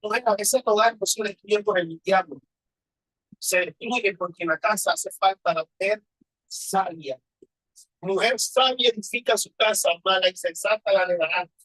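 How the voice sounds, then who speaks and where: Male preacher, husky voice, emotional testimony storytelling, rhetorical questions. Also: high voice, moderate pace, sharp tone, no room sound, low-quality recording. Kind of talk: personal testimony sermon.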